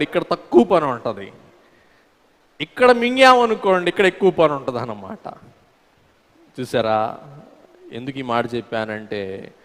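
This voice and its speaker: A man preaches in a folksy, storytelling way and keeps pulling the congregation into call-and-response. His voice sits a little high for a man. It rings out with a long echo through the church hall. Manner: call-and-response, drawing the congregation to answer back; folksy storyteller with homely examples. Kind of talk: sermon to a congregation.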